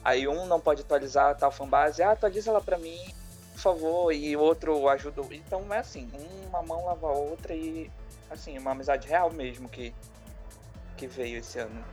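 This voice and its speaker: A woman's voice: deep voice, steady tone, normal speed, darkish tone, soft background music. A woman chatting casually as a guest on a fan show. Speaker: guest, fan page administrator. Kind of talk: casual chat.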